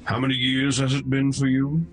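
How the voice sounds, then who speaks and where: A man's voice: mid-range voice, monotone, normal speed, lightly acted. A man playing a guarded, defiant nineteen-year-old mortal in tabletop role-play. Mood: wary, questioning.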